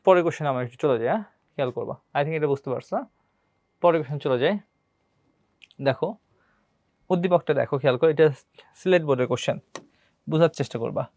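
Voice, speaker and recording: A man's voice: a little high, fast, gravelly, pauses often, a little mellow, no echo. A young man with a Bangladeshi Bengali accent giving an exam-prep biology lecture, quizzing students and answering his own questions, repeating key terms. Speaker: biology teacher.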